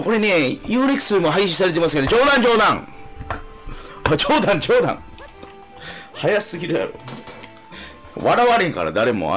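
A man with a Kansai accent, drunk and rambling as he gives casual commentary on a game livestream. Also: mid-range voice. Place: small room at home, indoors. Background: game music.

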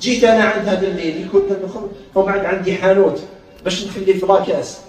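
A fast-talking man with an Algerian Arabic accent lectures with animated energy and acts out small exchanges. His voice sits high for a man. The recording is very echoey and he sounds far from the mic. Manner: animated, acts out little dialogues. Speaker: counselor. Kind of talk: lively lecture.

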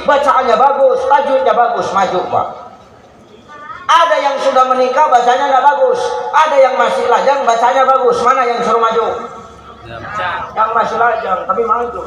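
A man giving a humorous sermon to a congregation, lively and jokey, often calling out to the men listening. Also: very high-pitched. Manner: lively, jokey, addresses the audience as "Pak". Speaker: preacher. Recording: echoey hall with faint background noise.

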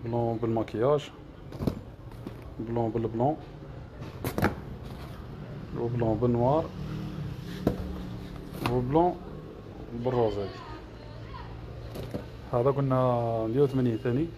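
A shop seller with an Algerian Arabic accent runs a product showcase livestream from his shoe shop, listing prices, sizes and colors of the shoes. His medium-pitched voice is steady and measured, with frequent pauses, over very noisy surroundings.

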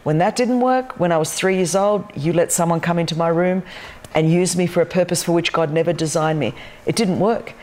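A woman's voice: fairly low pitch, brisk, a little mellow. A woman in her fifties, a guest on a talk show, telling her story with passion and emphasis. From Australia. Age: 50s. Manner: passionate, emphatic, gestures constantly with both hands. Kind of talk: animated testimony on a talk show. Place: large wood-beamed studio loft set.

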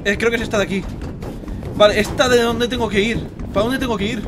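A young man from Spain with a Spanish accent, streaming a horror game live, often panicking and screaming with rapid repeated words. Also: high-pitched, fairly even intonation, over music.

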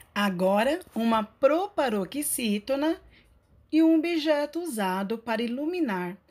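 A woman narrating a scripted grammar lesson as a teacher, stretching out key words. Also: fairly high pitch.

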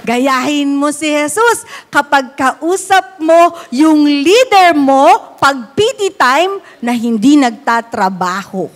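A woman preaching a sermon to a congregation, animated and conversational, often slipping into English phrases. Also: sits high, slow, few pauses, big-room sound.

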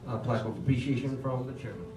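A man's voice: medium pitch, quick pace. Young man, formal emcee, hesitant fillers, roomy hall, distant mic, music behind. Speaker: master of ceremonies. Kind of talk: formal award ceremony emceeing. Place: hotel function room, at a lectern. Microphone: lectern microphone, filmed from far off. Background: background music.

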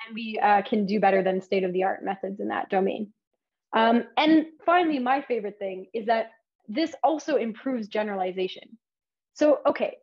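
A woman's voice: on the high side, lo-fi sound. A woman giving an academic lecture, explaining her research in an enthusiastic, conversational way.

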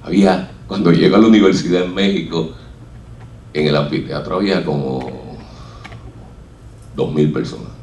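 A man's voice: deep voice, fairly even intonation, moderate pace, pauses often, darkish tone, slight background noise. A Puerto Rican man with a Puerto Rican Spanish accent, telling his life story on stage and acting out what others said. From Puerto Rico. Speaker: speaker at a talk. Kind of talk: personal storytelling talk. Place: stage in a hall with an audience. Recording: echoey hall, voice from a distance.

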